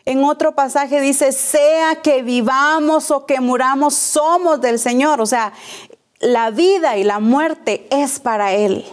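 Slow, emphatic high-voiced woman preacher. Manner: slow, emphatic, repeats key phrases and asks rhetorical questions. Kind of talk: sermon.

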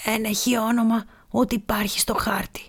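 A woman's voice: medium pitch, fairly even intonation, mellow, natural voice. A woman voicing a dying old pirate, speaking faintly in a whisper in a storybook. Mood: secretive. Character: dying old male pirate, weak and sly.

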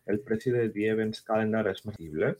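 Deep-voiced relaxed podcast co-host man. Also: quick pace. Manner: relaxed, agreeable, short affirmations. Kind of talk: casual tech podcast chat.

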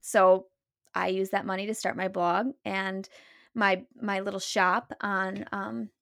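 A young woman, a podcast guest, retelling her story in a casual, animated way, acting out what others said, with many fillers. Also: medium pitch, slow pace, vocal fry, no room sound, clean studio sound. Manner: animated retelling with many likes and quoted voices.

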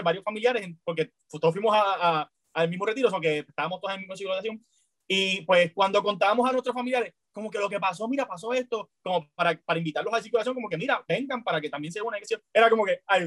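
High-voiced man, dry sound. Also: no room sound. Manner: hesitant, many restarts and fillers, animated when telling a story. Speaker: storyteller in a conversation. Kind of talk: casual chat.

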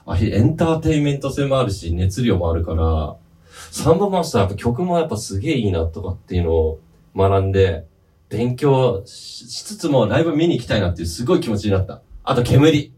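A man with a Fukushima accent chatting on a comedic talk show, rough and teasing, calling people "omae" constantly. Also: mid-range voice, warm tone, far from the mic. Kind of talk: casual comedic chat.

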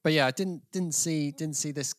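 A man co-hosts a casual podcast chat. His voice is fairly high for a man, and he sounds dry and close to the mic. He is easygoing, laughs a lot and keeps his answers short. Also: moderate pace, no room sound. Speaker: podcast co-host.

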